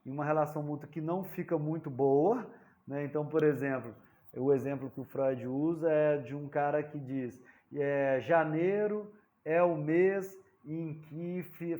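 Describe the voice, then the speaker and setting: A psychoanalysis lecturer gives an informal, conversational talk in a fairly high, darkish voice. He drops frequent tag questions and acts out the dialogue of jokes.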